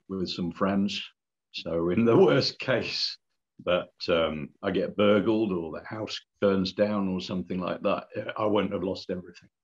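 A man with a low voice talks on a video call in a relaxed, hesitant way, full of ums and uhs. The call audio sounds dull and muffled. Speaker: participant.

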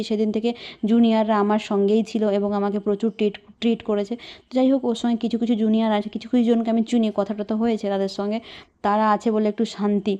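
Casual vlogger, woman, soft worried narration, monotone, muffled home recording. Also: fairly high pitch. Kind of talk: casual personal vlog.

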